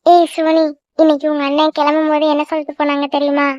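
A woman voicing a young woman in a Tamil-language cartoon, chatting in a brisk, reassuring way. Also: high voice, completely flat delivery, darkish tone, dry recording, dull audio.

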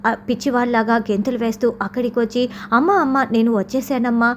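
A woman's voice: fairly high pitch, a little mellow, a little hiss or hum. A woman retelling the scenes of a TV serial episode, reading out every character's lines in her own voice. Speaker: recap narrator.

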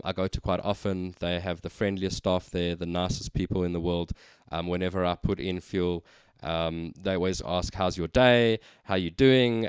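Deep-voiced man telling a story. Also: smooth, no echo. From South Africa. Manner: conversational anecdote with frequent ums. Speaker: vlogger. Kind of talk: casual storytelling.

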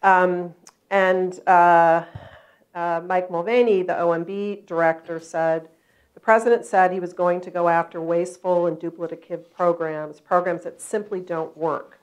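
An older woman interviewing a guest on stage, asking measured questions with many fillers. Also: fairly low pitch, fairly even intonation, smooth, poor audio. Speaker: interviewer, moderator. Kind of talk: onstage conversation. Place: stage at a journalism foundation event, seated in armchair.

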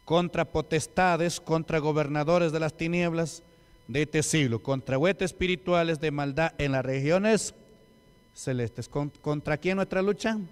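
A man's voice: a little high, a little slow, smooth. A man, a deacon giving an emphatic sermon and firing rhetorical questions at the congregation. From Peru. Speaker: deacon preaching. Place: church hall. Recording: long church hall reverb.

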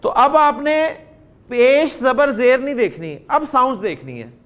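A man's voice: extremely high pitch, big pitch swings, unhurried, a bit bright. A man with a Pakistani accent teaching Arabic grammar in a classroom lecture, quizzing his students and dictating phrase by phrase.

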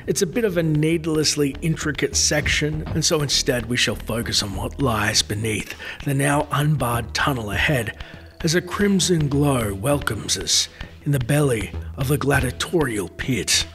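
Bright, forceful male game narrator. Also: medium pitch, lively intonation, normal speed, faint music behind. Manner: formal, literary phrasing. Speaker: narrator of a game lore series. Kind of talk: scripted dramatic story narration of gameplay.

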